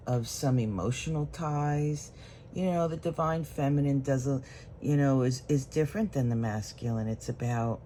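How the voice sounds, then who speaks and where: A mellow, medium-pitched voice belongs to a tarot reader addressing the viewer in a solo reading. They take their time, thinking out loud as cards come up, over a faint hiss or hum.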